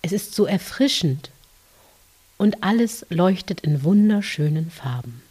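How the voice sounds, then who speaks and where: Soft, breathy woman, very slow dream-journey narration. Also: on the low side, lively intonation. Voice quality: soft, breathy, hushed, at times near whisper. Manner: gentle, soothing, unhurried with long pauses. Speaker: narrator of guided relaxation for children.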